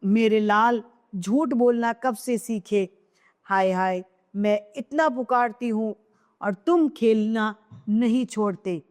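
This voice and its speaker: A woman's voice: fairly high pitch, takes it slowly, darkish tone, in a large hall. A woman voicing a grieving queen mother who laments over her dead son with repeated cries. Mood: grief-stricken. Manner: wailing lament, cries of hai.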